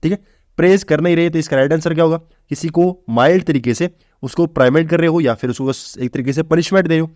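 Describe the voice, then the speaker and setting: A fast-talking man with a high-ish, somewhat mellow voice teaches exam vocabulary in English, recorded cleanly in a studio without room sound. He addresses students as "bhai," breaks ideas down step by step, and fields his own questions in a relaxed, informal way.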